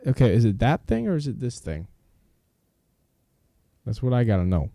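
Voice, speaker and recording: A young man in goofy, playful podcast banter, riffing on jokes and laughing easily. His voice has a mellow, relaxed tone at a middle pitch. The recording is dry and close. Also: moderate pace, vocal fry, no room sound. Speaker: co-host. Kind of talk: casual podcast chat.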